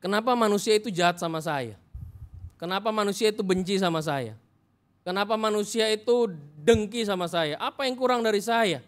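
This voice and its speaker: A man's voice: high-pitched, a little fast, natural voice. A gloomy, self-pitying pig grumbles out his complaints in a raised, plaintive voice, put on by a man preaching. He sounds hurt and sorry for himself. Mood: lamenting. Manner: whining complaint.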